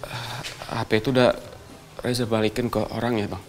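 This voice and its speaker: An actor playing a timid, devout younger brother in a TV soap who stammers and pleads. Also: male voice, medium pitch, flat delivery, brisk, faint music behind, close to an everyday voice. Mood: pleading. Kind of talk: TV soap acting.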